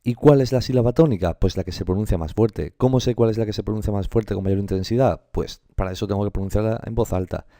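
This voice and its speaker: A man gives a patient grammar lesson in a dark, mellow, somewhat low voice. He checks in often with his listeners and drags out example words slowly to show where the stress falls. The sound is dry and close, with little room echo. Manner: patient, explains step by step with frequent "¿vale?". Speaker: language teacher. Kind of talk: classroom explanation to camera.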